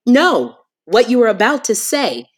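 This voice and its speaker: A woman's voice: on the high side, very animated, measured pace. A woman playing an unflappable, officious airline agent with a polished customer service voice in a comedic phone drama. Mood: politely officious.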